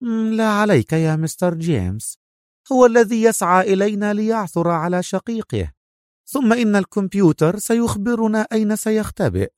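Man voicing a higher-pitched, smug, gleeful professor; dry audio. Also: animated, normal speed, darkish tone, no room sound. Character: gleeful smug male professor, gadget-proud.

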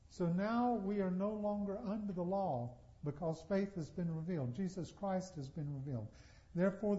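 A man's voice: high-pitched, dark tone. A man preaching a sermon, repeating key phrases for emphasis and using folksy everyday examples. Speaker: pastor. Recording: dull, slightly lo-fi sound.

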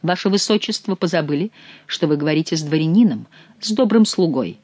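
A man reading an audiobook and voicing a proud nobleman who speaks calmly and deferentially while holding his ground against a prince. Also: a little high, fairly quick, no room sound. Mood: calm, cold. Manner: calm, restrained, deferential on the surface, impassive. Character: cold, proud male nobleman, the prince's master of the hunt.

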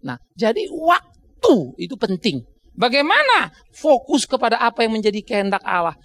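A man's voice: very high-pitched, wildly swooping pitch, normal speed, a bit bright. A middle-aged male pastor, preaching a sermon in a conversational way, often laughing at his own stories. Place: church.

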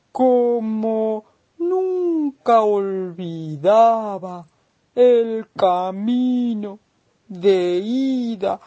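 A woman doing a very slow, wise old tortoise. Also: a little high, dull audio, pitched above the performer's own voice. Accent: Argentine. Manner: very slow, calm and deliberate. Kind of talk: children's storybook reading.

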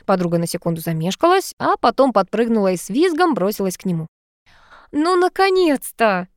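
A woman narrating an audiobook in a lively, dramatic way. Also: medium pitch, quick pace, no room sound, studio quality.

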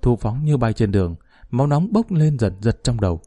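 Mellow-voiced male storyteller. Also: mid-range voice, sing-song, brisk, dry recording, faint music behind. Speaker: narrator. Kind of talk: storytelling narration.

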